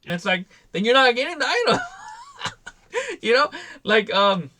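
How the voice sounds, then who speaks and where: A man's voice: extremely high pitch, very animated, fairly quick, sharp tone. A young man venting in a casual vlog about difficult buyers, acting out their lines in quoted voices. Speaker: toy seller and channel host.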